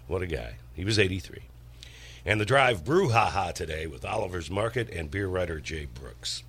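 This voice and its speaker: A man hosting a live local radio show in a smooth radio host delivery, reading what is coming up. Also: low-pitched, lively intonation, moderate pace, fairly bright tone. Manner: jokey, laughs easily between plugs. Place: radio studio. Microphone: studio microphone.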